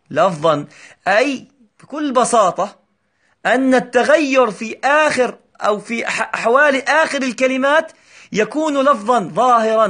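A male teacher explaining a grammar lesson, patiently repeating examples slowly and checking that his students follow. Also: high voice, fairly bright tone.

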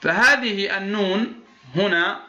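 A man with a high, sharp, bright voice teaches recitation rules. He keeps asking his listeners prompting questions and then answering them, stretching vowels aloud to show each length. The lo-fi recording sounds dull and echoey. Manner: demonstrates short and long drawn-out vowels aloud. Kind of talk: explaining a recitation rule poem line by line.

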